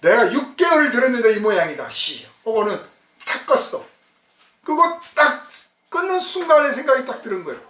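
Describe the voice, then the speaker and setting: A man preaching a sermon as a pastor, telling a story in a lively way and acting out the voices of the people in it. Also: extremely high pitch, normal speed, reverberant, recorded from a distance. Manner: animated storytelling, acts out dialogue.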